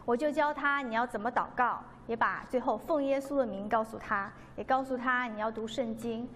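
A woman's voice: on the high side, fairly quick, fairly bright tone. Earnest woman giving a testimony. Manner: earnest, devout, re-enacts dialogue. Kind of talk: personal testimony storytelling. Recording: long reverb, faint background noise.

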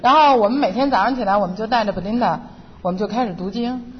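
A woman's voice: medium pitch, fast. A middle-aged woman giving an earnest, emotional personal testimony at church. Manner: earnest and emotional, re-enacting her own prayers. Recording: muffled, reverberant hall with faint noise.

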